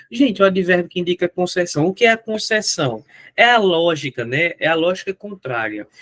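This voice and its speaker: Male teacher, Brazilian accent, animated, answers his own questions, throat a bit strained, higher voice. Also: no echo. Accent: Brazilian Portuguese. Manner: animated, asks questions and answers them himself. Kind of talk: online grammar lesson.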